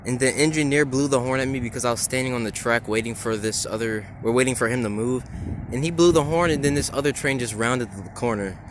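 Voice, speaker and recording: A man vlogging trackside outdoors, excitedly narrating passing trains, stumbling over his words and whooping at horns. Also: mid-range voice, quick pace. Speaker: railfan vlogger. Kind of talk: excited on-the-spot vlog narration. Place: outdoors beside railroad tracks. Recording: faint outdoor noise.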